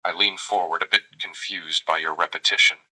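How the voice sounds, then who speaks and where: Sitting low and a little fast, this artificial man's voice sounds pushed, bright, and exaggerated, with fairly even intonation and low-quality recording. He's voicing an affectionate, flirtatious AI companion in a roleplay reply, describing his own movements and tenderly addressing the listener as darling.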